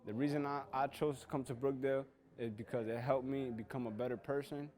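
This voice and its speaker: A young man from New Jersey, a college basketball player, giving an earnest, slightly halting scripted self-introduction. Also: medium pitch, fairly even intonation, darkish tone. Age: young adult.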